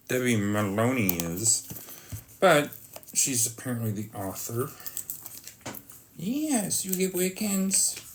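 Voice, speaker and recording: A live stream host chatting casually while showing off items, halting and often breaking off to greet viewers, with some noise and clicking. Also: mid-range voice. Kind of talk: casual live stream chat while unboxing oracle cards.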